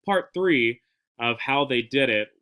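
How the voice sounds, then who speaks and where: A man's voice: mid-range voice, expressive, slow pace, pushed and bright, clean tone. A man giving a casual recorded class presentation, with frequent fillers and restarts. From not from Spain. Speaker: student presenter.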